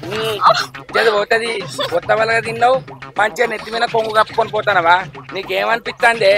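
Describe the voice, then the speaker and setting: Brief: high-pitched man, nagging comic grumbler, faint music under him. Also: fairly even intonation, fast, vocal fry. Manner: grumbling, scolding, repeats his complaints. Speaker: comic actor. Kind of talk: village comedy sketch.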